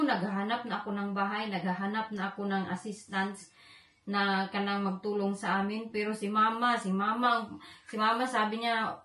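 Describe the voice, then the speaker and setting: A woman's voice: medium pitch, a bit bright. Upset young woman, echoey room. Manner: tearful, upset, rambling, mixes in English. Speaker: vlogger. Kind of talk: emotional confessional vlog.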